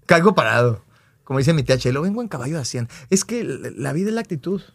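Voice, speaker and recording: Animated Mexican man telling stories. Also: a little high, fast talker, creaky. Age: middle-aged. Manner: animated, acts out quoted voices. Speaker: podcast co-host. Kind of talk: casual storytelling chat.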